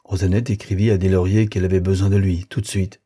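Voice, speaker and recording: A man reads a classic novel aloud in an audiobook. His voice is strongly husky, dark and somewhat low, and he tells the story in a measured, even way. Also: no echo, clean studio sound. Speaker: audiobook narrator. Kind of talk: scripted narration of a classic novel.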